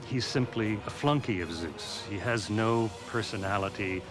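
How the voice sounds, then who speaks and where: A man's voice: lowish voice, moderate pace. A man giving blunt, declarative expert commentary in a documentary interview. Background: music.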